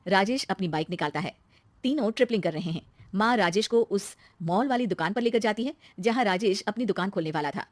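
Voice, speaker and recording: A woman narrating a scripted cartoon story for kids with brisk, clear storytelling. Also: medium pitch, lively intonation, dry recording.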